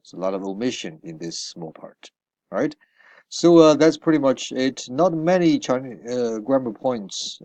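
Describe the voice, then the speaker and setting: A man's voice: lowish voice, mellow, no room sound. A man teaching a beginner Chinese lesson, explaining patiently and checking in often with "right?" and filler sounds.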